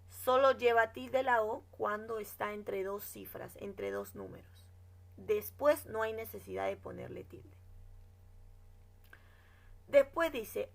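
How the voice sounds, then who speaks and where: A woman teaching a grammar lesson, her fairly high voice carrying a gravelly, creaky texture. She lays out each rule at an unhurried pace and reads example sentences aloud, often tagging a questioning "right?" to keep her class with her. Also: a bit bright. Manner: explains slowly, checks with "¿no?" and "¿de acuerdo?".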